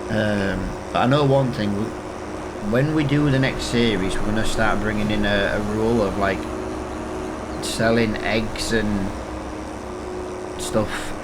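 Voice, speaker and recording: Slow and unhurried, pausing often, a man with a fairly low, steady, congested voice mulls things over aloud while playing a farming game for his gaming channel, using many fillers. There's a lot of noise in the recording.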